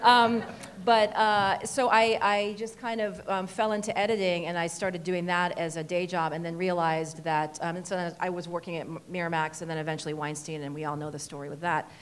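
A woman's voice: lowish voice, little pitch movement, brisk, a little hiss or hum. A middle-aged woman from Iraq speaking on a convention panel into a handheld mic, playful with laughing asides. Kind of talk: panel talk. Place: stage in a convention hall.

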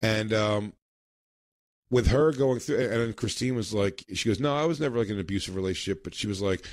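A man's voice: lowish voice, fairly quick, a little mellow, no echo, studio quality. A man co-hosting a podcast in casual chat, a telling rambling stories and laughing mid-sentence. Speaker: podcast co-host.

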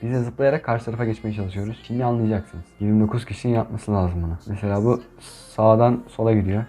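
A young man commenting on his gameplay in a casual, chatty way, who gets frustrated and shouts at opponents. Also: lowish voice, fairly even intonation, fast talker, husky, soft background music. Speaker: gaming YouTuber.

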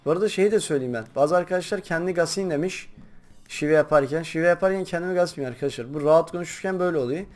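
A young man chatting casually while playing a game, rambling to his viewers and breaking into loud excited shouts. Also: a little high, racing. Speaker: gaming YouTuber. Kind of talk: casual gameplay commentary.

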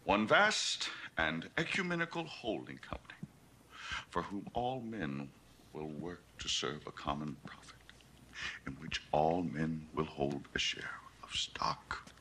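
Here a man performs as an overbearing middle-aged American business magnate, sermonizing through a lofty, dramatic movie monologue with weighty, measured emphasis. The pitch is medium and a touch bright, but the recording is poor and carries a slight hiss or hum.

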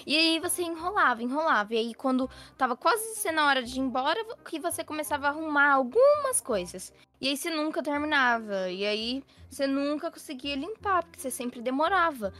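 A woman voicing a mild mother and employer who pretends to be stern to teach her maid a lesson. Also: high-pitched. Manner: calm, lecturing. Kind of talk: Roblox role-play voicing.

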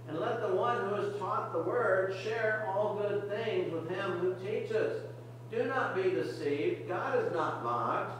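A man's voice: sits high, a little hiss or hum. Older man preaching in an echoey church. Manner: earnest, repetitive exhortation with frequent restarts. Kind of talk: sermon. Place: church sanctuary, medium size, indoors. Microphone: podium mic, camera far at back of room. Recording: very echoey distant church recording.

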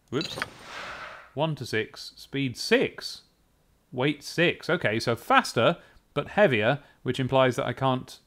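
A young British man with a medium-pitched, slightly bright voice hosts a let's play, offering casual, chatty, wry commentary as he thinks aloud. He sits at a desk in a small room, close to a desk microphone with a pop filter, with game music in the background.

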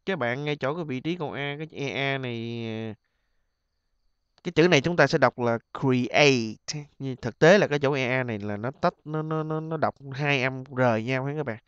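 A man teaching an exam review lesson, stretching out example words slowly and then explaining them in quick asides. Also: medium pitch, clear, resonant tone, no echo, dull audio. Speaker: English teacher.

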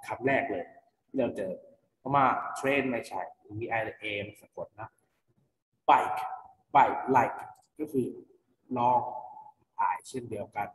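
Thai-accented male teacher, slow and patient phonics lesson, roomy reverb. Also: medium pitch. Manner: patient, spells words letter by letter, asks and answers own questions. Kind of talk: online English phonics lesson for children. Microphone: computer mic for online class. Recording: echoey, reverberant room.

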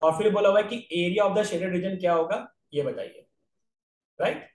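A man's voice: high-pitched, measured pace, darkish tone, reverberant, far from the mic. A man with an Indian accent teaching a geometry lesson online, working through each step and checking in with his students. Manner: explains step by step, checks in with "right?". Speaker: aptitude exam math teacher. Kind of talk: online math lecture.

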